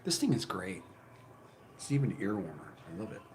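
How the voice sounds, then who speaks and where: A man's voice: lowish voice, big pitch swings, a little fast, slight background noise. A man in his fifties chatting casually with his viewers as a channel host, rambling and swearing, full of fillers and restarts. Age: 50s. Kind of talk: casual live chat with viewers.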